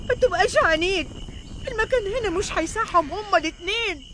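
A woman's voice: very high voice, quick pace, bright, forceful tone, slight background noise. An actress with an Egyptian Arabic accent playing Sarah, a protective, jealous mother who speaks insistently. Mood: pleading. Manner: insistent, pleading.

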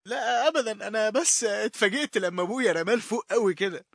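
An actor with an Egyptian Arabic accent playing Ishmael, a mocking, defiant teenage son. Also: male voice, high-pitched, quick pace, creaky, fairly bright tone, no echo, clean studio sound, heavily acted.

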